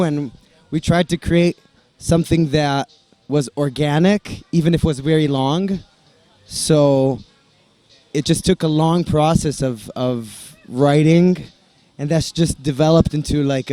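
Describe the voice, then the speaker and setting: A young American man with a fairly high, mellow voice, recorded with no room sound. A band member bilingual in English and Italian, he answers casual interview questions hesitantly, with many restarts and fillers.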